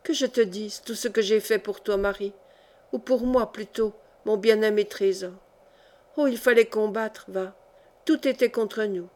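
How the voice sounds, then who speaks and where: A woman's voice: medium pitch, a little slow, a little mellow, lightly acted. A woman reading the part of a devoted noble countess speaking tenderly and fervently to her daughter in an audiobook. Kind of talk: audiobook reading of a historical novel.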